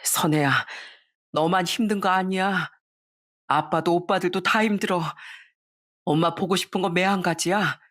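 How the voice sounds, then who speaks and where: A woman's voice: on the low side, fairly even intonation, normal speed, pauses often, fairly bright tone. A woman voicing a grieving middle-aged father who pleads with his daughter through tears. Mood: tearful. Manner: choked, tearful pleading.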